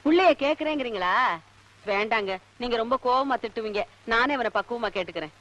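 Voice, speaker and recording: A woman's voice: on the high side, lively intonation, brisk, a bit bright, muffled recording. A fussy doting mother. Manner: chatty and wheedling. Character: doting, fussy, teasing middle-aged mother.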